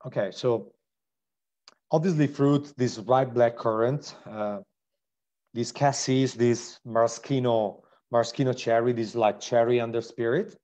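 A man's voice: medium pitch, steady tone, measured pace, a little mellow. A man with an Italian accent hosting a live online wine tasting, describing wines with enthusiasm and frequent restarts. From Italy.

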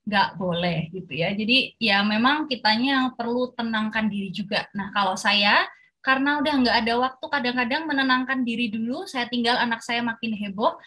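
A woman in her thirties speaking gently and practically to parents in a webinar over a video call. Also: on the high side, brisk. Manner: gentle, practical, uses fillers like "gitu ya". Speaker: evangelist speaker.

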